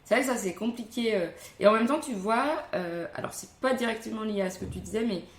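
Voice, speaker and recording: A woman's voice: a little high, brisk. A woman hosting a casual podcast interview, chatty and thinking aloud with many fillers. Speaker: podcast host. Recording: roomy room sound.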